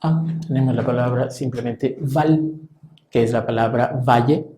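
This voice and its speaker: A man teaching French pronunciation in Spanish, measured and halting, with frequent fillers. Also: medium pitch, reverberant, background noise. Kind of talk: explaining pronunciation to a class.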